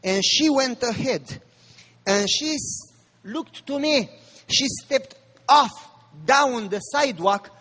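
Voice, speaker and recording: A man's voice: very high-pitched, lively intonation, slow pace, sharp tone. A man preaching a sermon, speaking emphatically and firing rhetorical questions at the congregation. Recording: long reverb of a large hall.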